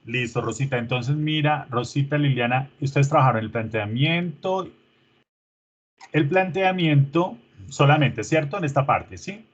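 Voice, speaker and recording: A man's voice: mid-range voice, unhurried, muffled recording. A man, a teacher coaching his students through an online rehearsal in an informal, coaxing way, full of diminutives.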